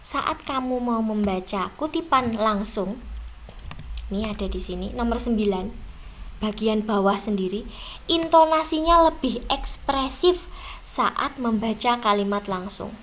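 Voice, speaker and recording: A woman's voice: on the high side, animated, a bit bright, slight background noise. Woman teacher drawing out key words. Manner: slow, drawn-out stressed words, addressing students directly. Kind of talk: exam review lesson.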